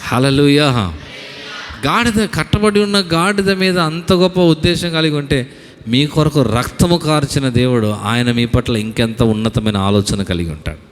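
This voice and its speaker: A man's voice: mid-range voice, moderate pace. A man preaching a sermon to a congregation as their pastor, calling on them to repeat lines aloud. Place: church hall. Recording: long hall reverb.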